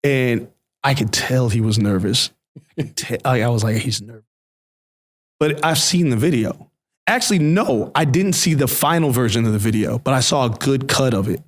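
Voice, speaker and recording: A man co-hosting a podcast, telling a story in an animated, casual way and swearing freely. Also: medium pitch, normal speed. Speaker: podcast co-host. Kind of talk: casual chat.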